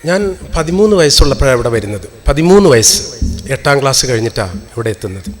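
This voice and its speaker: A man's voice: mid-range voice, big pitch swings, fast talker. A middle-aged man gives a reunion speech, earnestly telling his audience about his school days. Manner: earnest, reminiscing address to an audience. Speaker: alumnus speaking at a college reunion. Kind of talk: public speech.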